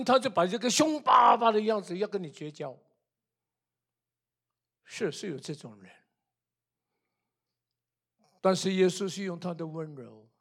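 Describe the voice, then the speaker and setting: An older man with a high voice preaches a sermon. He drives his points home with repeated rhetorical questions. His delivery swings between quiet asides and loud, fervent bursts. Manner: emphatic, repetitive rhetorical questions.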